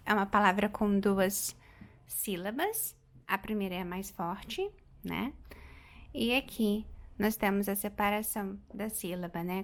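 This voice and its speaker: Slow, gravelly-voiced woman teacher. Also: medium pitch. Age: 30s. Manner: explains step by step, repeats English phrases slowly. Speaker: English teacher. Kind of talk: online vocabulary lesson.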